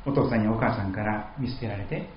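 A man's voice: on the low side, fast talker, echoey room, highs cut off, slight background noise. A man preaching a sermon as pastor, reading scripture and acting out quoted speech with feeling. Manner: dramatic voicing of quoted speech. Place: church hall.

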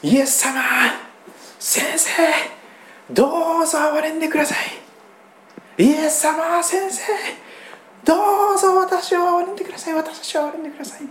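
A man voicing desperate outcasts with a skin disease, crying out in a high, strained voice for mercy. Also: moderate pace, slight background noise. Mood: desperate pleading. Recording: roomy church hall echo.

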